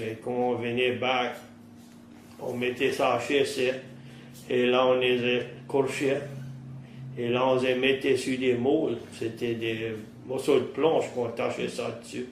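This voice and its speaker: Cajun French man, 50s, plain-spoken interviewee, slow pace, faint background noise. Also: medium pitch, echoey room, poor audio. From southern Louisiana, United States. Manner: plain-spoken, rural vernacular. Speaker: interviewee, trapper and fisherman. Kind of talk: oral-history interview, recounting past life.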